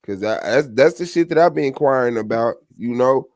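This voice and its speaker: A man hosting a casual online panel chat, blunt and animated, swearing freely. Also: medium pitch, brisk, no room sound.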